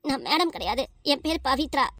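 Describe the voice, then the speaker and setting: A woman's voice: high-pitched, very animated, a little fast, fairly bright tone, dry recording, clean studio sound. A woman voicing an earnest, lovestruck twenty-year-old nurse with a southern Tamil Nadu accent, pleading insistently in a cartoon. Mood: tearful pleading. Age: 20s. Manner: pleading, insistent, talks over objections. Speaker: voice actor. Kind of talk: cartoon voice acting.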